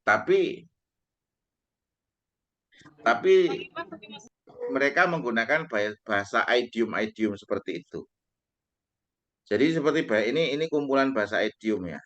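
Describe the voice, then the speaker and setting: Male English teacher, online lecture, steady mid voice, emphatic quotes. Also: medium pitch, lo-fi sound. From Indonesia. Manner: explains slowly, quotes English phrases with emphasis.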